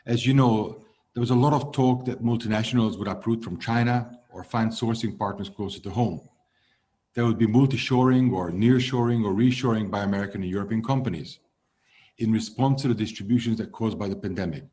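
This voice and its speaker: This is a Hungarian-born man in his fifties, a logistics executive being interviewed. He answers deliberately, his phrases tapering off at the ends, in a fairly low voice with a darkish tone.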